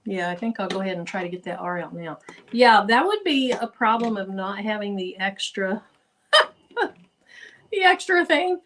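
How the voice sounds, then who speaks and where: Over a video call, picked up by her computer's microphone, a woman talks casually and thinks aloud while she works on a craft project as a guest crafter. She sounds very animated, with a medium pitch, a moderate pace and background noise.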